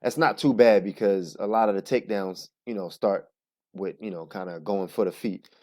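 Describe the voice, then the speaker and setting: A man narrating sparring footage in a casual, halting play-by-play, thinking aloud as he explains each move. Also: fairly low pitch, mellow. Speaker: jiu-jitsu practitioner narrating own sparring footage.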